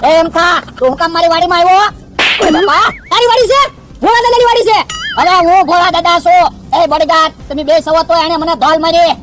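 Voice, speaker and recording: Woman voicing a cocky, squeaky village servant. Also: steady tone, quick pace, noisy background. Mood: whiny. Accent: Gujarati. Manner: bossy, cocky, then whiny. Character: boastful male servant posing as the boss.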